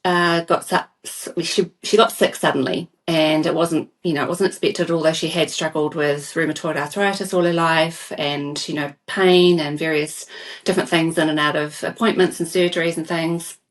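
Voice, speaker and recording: Low-voiced woman from New Zealand. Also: steady tone, moderate pace, far from the mic. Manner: soft-spoken, earnest, repeats words as she starts a thought. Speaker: guest. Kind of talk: podcast interview.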